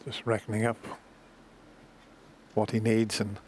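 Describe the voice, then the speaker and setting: A man giving measured, unhurried live snooker commentary as the commentator. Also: lowish voice, monotone, darkish tone. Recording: light noise and crowd in arena. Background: snooker hall crowd and ambience.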